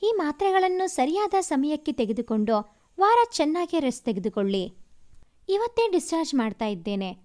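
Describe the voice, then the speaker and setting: A woman voicing a calm male doctor who gives brisk, reassuring instructions in a spoken story. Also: high-pitched. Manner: matter-of-fact.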